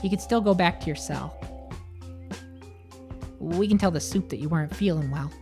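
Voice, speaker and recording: Woman doing a deadpan, stoic nun. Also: fairly low pitch, moderate pace, soft background music, natural voice. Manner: deadpan, soft-spoken. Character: stoic, quietly mischievous older female nun.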